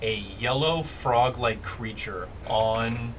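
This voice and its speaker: A man's voice: mid-range voice, slow pace, background noise. A man improvising casual narration as game master of a tabletop role-playing game.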